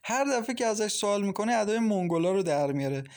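A man doing a high, teasing young woman. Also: expressive, darkish tone. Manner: teasing, fretful. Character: mocking, cautious young woman.

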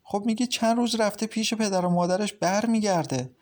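A man voicing an anxious, queasy young pregnant wife who speaks softly and hesitantly in an audiobook. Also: high-pitched, voice pushed up, natural voice. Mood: worried.

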